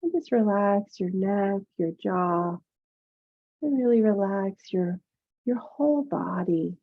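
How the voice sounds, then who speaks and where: A woman teaching yoga and meditation, guiding relaxation in a gentle, soothing murmur with pauses. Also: mid-range voice, lively intonation. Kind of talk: guided meditation instruction. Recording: phone-like narrow-band sound.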